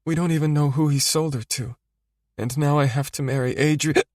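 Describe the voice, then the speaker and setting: A man's voice: medium pitch, steady tone, moderate pace, no echo, clean studio sound, pitched above the performer's own voice, close to an everyday voice. A man voicing a tearful young bride. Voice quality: voice breaking, small and tearful. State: crying. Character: young woman, heartbroken bride-to-be.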